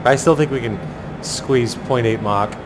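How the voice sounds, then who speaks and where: A man giving a casual flight commentary, chatty and thinking aloud in pilot jargon. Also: a little slow. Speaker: flight simulator pilot and host. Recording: clearly noisy, steady low engine-like rumble.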